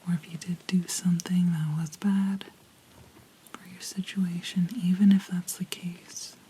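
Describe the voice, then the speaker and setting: Woman giving a slow, whispered pep talk. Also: fairly low pitch, flat delivery, a little hiss or hum, poor audio. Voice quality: soft unvoiced whisper. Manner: slow, gentle, reassuring, with pauses mid-sentence. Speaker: ASMR host. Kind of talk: ASMR whispered pep talk, comforting affirmations. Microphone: close-up microphone.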